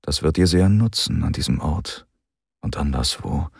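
A man voicing a weary, grieving male general who speaks quietly and heavily in an audiobook. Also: very deep voice, animated, moderate pace, creaky, breathy edge, no room sound, studio quality, heavily acted. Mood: gentle. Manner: hushed, quiet and heavy. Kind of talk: audiobook character voice.

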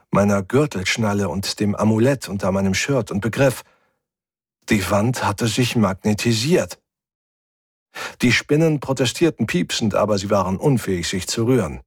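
A man narrating a first-person sci-fi audiobook in a steady, gritty storytelling manner. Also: fairly low pitch, breathy edge, no echo, clean studio sound.

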